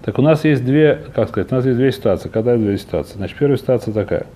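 A man's voice: mid-range voice, lively intonation, fast talker, warm tone, slight background noise. A man teaching an informal religious text lesson, often searching for words and rephrasing as he explains and translates. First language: not a fully fluent Russian speaker by own account.

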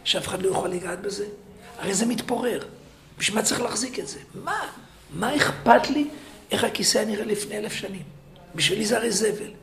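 A man, a rabbi, giving a Torah lecture to women, telling stories with animated, loud, emphatic repetition. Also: high-pitched. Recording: echoey room, faint noise.

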